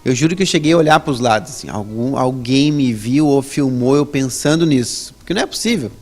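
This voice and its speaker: A man's voice: moderate pace, soft background music. Man telling his testimony. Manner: conversational, tags sentences with "né?"; lively storytelling with rising pitch on emphasis. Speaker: interview guest. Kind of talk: personal religious testimony.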